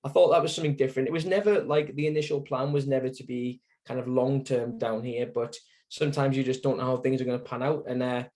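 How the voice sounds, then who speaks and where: Talking fast in a steady, slightly mellow mid-range voice, this young Sunderland man speaks with a Mackem accent as a guest in an interview. His story wanders and loops back, packed with fillers, restarts and self-corrections.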